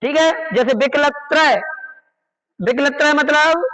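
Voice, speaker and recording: Male scripture teacher, very high voice, bright tone, repeats terms and quizzes students. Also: slow pace, rough recording. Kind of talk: slow explanatory class on Jain scripture.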